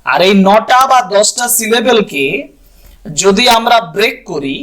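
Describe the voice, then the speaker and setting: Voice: mid-range voice, lively intonation, a little slow, fairly bright tone. A teacher with a Bengali accent explaining exam questions, repeating each point in two languages and spelling out words. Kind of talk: exam-prep lesson in Bengali and English.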